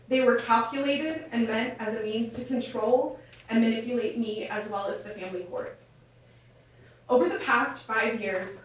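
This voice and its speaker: A nervous woman reads a formal victim statement in a courtroom, her voice slightly high. The courtroom recording is heavily echoey, with the mic distant and a faint hiss underneath. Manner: measured and formal, with soft fillers. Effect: courtroom audio recording. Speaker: victim giving an impact statement. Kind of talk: reading a prepared statement aloud.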